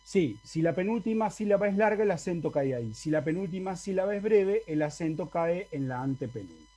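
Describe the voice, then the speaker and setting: A man's high, expressive voice carries a dark tone as he talks a little fast. He lectures a university Latin class over a video call with an Argentine accent, explaining things step by step and regularly checking in with his students.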